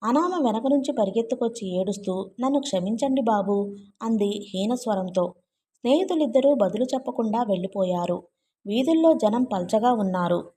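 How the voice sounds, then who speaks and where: A woman narrating a novel aloud with an expressive storytelling reading. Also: a little high, moderate pace, a little hiss or hum. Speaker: audiobook narrator.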